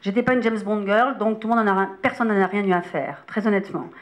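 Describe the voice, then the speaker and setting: A woman being interviewed as an actress, telling a story in a lively way and acting out the lines of dialogue. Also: medium pitch, fast talker.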